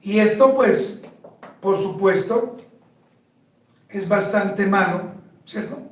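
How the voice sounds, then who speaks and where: A man preaching a sermon as pastor, slow and emphatic, putting rhetorical questions to the congregation. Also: sits high, heavy reverb, distant mic, poor audio. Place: church.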